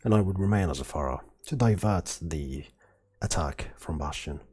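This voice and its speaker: A man's voice: low voice, moderate pace, darkish tone, breathy edge. A man streaming a team game, directing his teammates and explaining strategy. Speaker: streamer and team shot-caller. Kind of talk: live gameplay commentary and team callouts.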